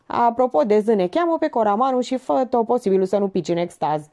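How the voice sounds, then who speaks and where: Brisk ironic older woman detective, self-assured, woman narrator voicing, raised pitch. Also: expressive, mellow.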